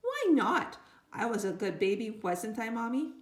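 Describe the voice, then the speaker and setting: A woman's voice: fairly high pitch, big pitch swings, a little slow. A woman doing a chirpy four-year-old boy. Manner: sing-song character voices. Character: excitable little boy of four, playful show-off. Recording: roomy echo.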